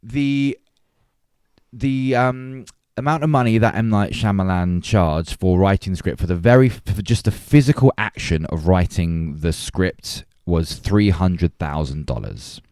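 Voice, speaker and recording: Deep-voiced man debating. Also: measured pace, a little mellow, clear, resonant tone, no room sound, clean studio sound. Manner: earnest, restarts words, argues a point. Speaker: podcast co-host. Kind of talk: casual debate chat.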